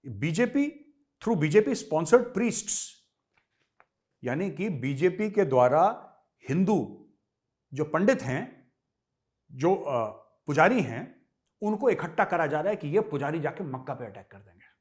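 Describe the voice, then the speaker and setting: A man's voice: a little high, very animated, a little slow. Emphatic, scornful male commentator. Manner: emphatic, scornful, with rhetorical questions. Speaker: host. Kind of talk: political commentary to camera.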